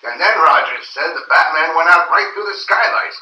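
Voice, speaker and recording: A man's voice: fairly high pitch, lively intonation, normal speed, bright, forceful tone, a little hiss or hum. A man playing a fatherly older police commissioner, genial and chatty, in a live old-time radio drama. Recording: roomy, distant live stage recording.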